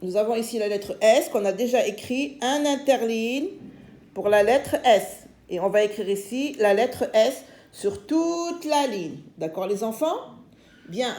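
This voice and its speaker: A French-accented woman walks young children through a phonics lesson, speaking slowly and sounding out each word and syllable with patience. Her voice sits a little high, and the recording carries a noticeable room echo. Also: darkish tone. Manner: slow, patient, repeats words and syllables. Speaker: teacher.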